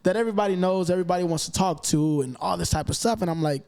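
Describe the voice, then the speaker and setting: A man talking as a podcast guest, telling a story in an animated, emphatic way and swearing freely. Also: sits high, very fast, creaky, clean tone. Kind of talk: casual storytelling chat.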